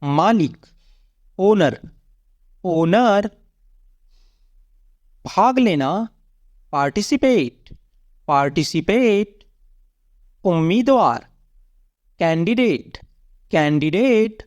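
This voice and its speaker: Very slow, dry word-list reading voice. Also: mid-range voice, no room sound. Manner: measured, even recitation of word and meaning. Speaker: vocabulary teacher. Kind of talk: slow word-list drill, each word read twice.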